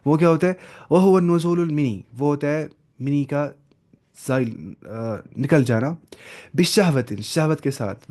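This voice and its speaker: A man with a medium-pitched, slightly mellow voice gives an Arabic lesson. He reads each Arabic phrase slowly, then explains it with English words mixed in.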